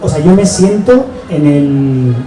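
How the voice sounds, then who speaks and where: A man in his forties from Barcelona with a Spanish accent from Spain, an author presenting his book in a reflective, halting way that often tags sentences with a questioning "no". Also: on the high side, lively intonation, dark tone. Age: 40s. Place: book fair hall. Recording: echoey hall, distant mic, background noise.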